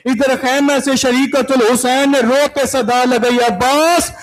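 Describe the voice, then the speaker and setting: High-voiced man preaching mournfully, slow. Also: fairly even intonation. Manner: mournful, recited; rises to chanting and shouting. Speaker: Shia cleric. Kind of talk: mourning sermon.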